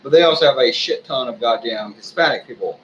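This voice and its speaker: A drunk man giving a rambling, off-the-cuff rant to his viewers, swearing often, halting and losing his thread. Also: mid-range voice, a bit bright, dull audio, slight background noise. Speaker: online ranter, video host.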